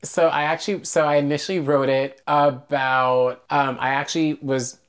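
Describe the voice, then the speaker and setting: A man's voice: on the high side, clear, resonant tone. A man from Pittsburgh who sings and teaches voice talks as a podcast guest. He tells anecdotes with animation, stopping and restarting his sentences as he goes. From Pittsburgh, Pennsylvania. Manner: animated, self-interrupting, quick restarts. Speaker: singer and vocal instructor, podcast guest. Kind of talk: casual conversational storytelling.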